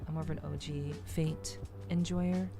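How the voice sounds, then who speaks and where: A woman's voice: low-pitched, steady tone, moderate pace, gravelly, music in the background. A woman streamer chatting casually to her live audience, thinking aloud and often repeating her words. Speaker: VTuber streamer. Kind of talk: casual livestream chat.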